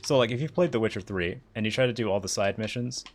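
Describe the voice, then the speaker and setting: A man's voice: fairly low pitch, fast. A man streaming a video game, chatting casually and rambling upbeat about what he is playing. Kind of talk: casual gameplay commentary.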